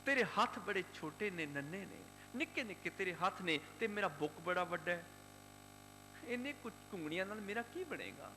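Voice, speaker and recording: A man's voice: high voice, lively intonation, normal speed, bright, forceful tone, heavily acted. A male preacher voicing an elderly wandering fakir who speaks kindly and gives blessings. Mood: amused. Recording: hall reverb, faint hum.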